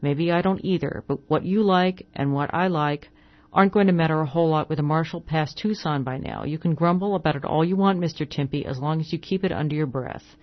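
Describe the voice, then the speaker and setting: Reader doing a calm young deputy, soft even voice, no emotion, bit of a lo-fi sound. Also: medium pitch, fairly quick, lightly acted.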